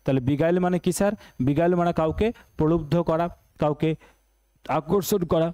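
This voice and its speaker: Man with a Bengali accent, exam-prep English teacher, high voice, mellow tone, dry close sound. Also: normal speed, clean tone, no room sound. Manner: repeats each question and answer as a drill, addressing students as "sir". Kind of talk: online exam-prep lesson, call-and-response drilling.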